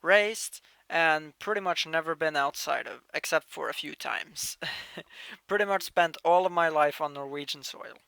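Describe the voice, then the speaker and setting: A man's voice: on the high side, measured pace, creaky, clear, resonant tone, no room sound. A young man from Norway in his late teens, casually answering viewer questions as a channel host, with frequent restarts and bursts of emphasis. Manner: chatty, restarts phrases, lively shifts in loudness. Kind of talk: casual Q&A monologue.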